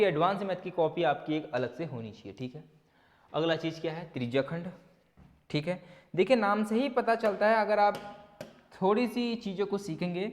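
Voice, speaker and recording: A man's voice: high-pitched, big-room sound. Hindi maths teacher quizzing his students. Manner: asks students questions and answers them himself; motivating pep talk to students. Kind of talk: whiteboard exam-prep lesson.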